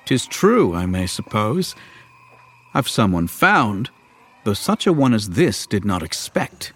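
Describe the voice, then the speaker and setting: An actor playing an earnest, exasperated young hero in Shakespearean verse, declaimed like a hammy stage performer. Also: male voice, on the low side, big pitch swings, takes it slowly, husky, full character voice. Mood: indignant. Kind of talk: dramatic Shakespearean verse reading.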